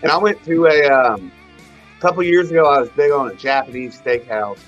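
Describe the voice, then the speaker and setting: A man's voice: medium pitch, normal speed, fairly bright tone, dull audio, soft background music. A man co-hosting a podcast, telling a long story in crude casual chat, rambling, trailing off and restarting. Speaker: podcast co-host.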